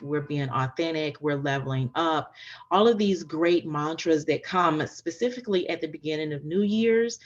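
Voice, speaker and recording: A woman's voice: low-pitched, highs cut off. A woman hosting a podcast interview, talking in an enthusiastic, emphatic way and repeating her phrases for stress. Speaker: podcast host and coach. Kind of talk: casual interview chat.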